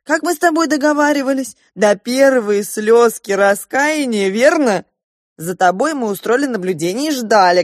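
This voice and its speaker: A woman voicing a loud, excitable middle-aged rich man who owns a yacht, reading an audiobook. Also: medium pitch, dry recording, clean studio sound, natural voice. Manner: loud, exclamatory, bossy. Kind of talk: audiobook character voice.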